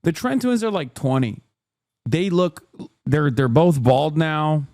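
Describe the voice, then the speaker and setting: A man's voice: on the high side, animated, slow, a little mellow, no room sound. A man in his thirties hosting a stream, giving rambling, emphatic, profane reaction commentary into a close mic. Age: 30s. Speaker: streamer host.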